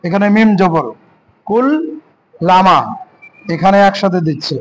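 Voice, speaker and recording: A man teaching Quran reading, spelling out letters and vowel marks slowly and asking the learner rhetorical questions. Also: high-pitched, slight background noise, low-quality recording. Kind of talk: step-by-step reading lesson.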